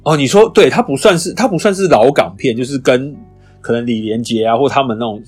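A man's voice: mid-range voice, husky, soft background music. A man co-hosting a casual podcast chat, retelling movie scenes with acted-out lines. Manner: fast, animated storytelling with acted-out movie lines. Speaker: podcast co-host.

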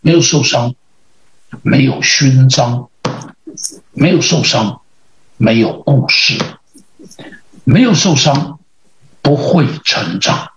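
Taiwanese-accented pastor telling lively stories. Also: male voice, medium pitch, takes it slowly, pauses often. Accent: Taiwanese Mandarin. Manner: lively anecdotal, acts out dialogue. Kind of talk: storytelling sermon. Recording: roomy, slightly dull podcast audio.

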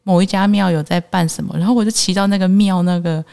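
A woman, a Buddhist nun, telling her life story in an interview, animated and often laughing. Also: medium pitch, quick pace, gravelly. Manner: emotional, animated retelling with laughs.

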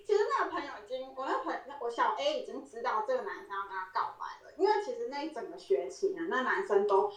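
A lively podcast co-host, a woman, tells a story with a lot of laughter. Her voice sits a little high. She sounds distant from the mic, in a room with plenty of echo. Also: quick pace, few pauses. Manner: animated, laughing often, acting out quoted lines. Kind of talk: casual storytelling chat. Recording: roomy echo, voice set back from the mic.

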